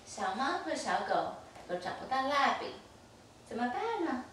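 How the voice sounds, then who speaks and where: Mother, gently instructive, repetitive toddler coaching; distant, roomy home recording with audible noise. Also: high-pitched, big pitch swings, unhurried. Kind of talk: coaching a toddler through play. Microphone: distant camera mic.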